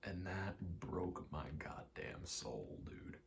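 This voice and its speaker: Slow and sing-song, a gravelly, low-pitched voice belongs to a young American in his twenties doing a casual, candid ASMR ramble with the odd curse word. He's also an aspiring actor. Slight background noise sits under the audio.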